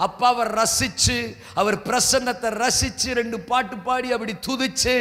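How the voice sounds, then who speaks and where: Preaching man, high bright voice, echoing hall. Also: steady tone, moderate pace. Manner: emphatic, repeats phrases, shouts rhetorical questions, calls for amens. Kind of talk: sermon.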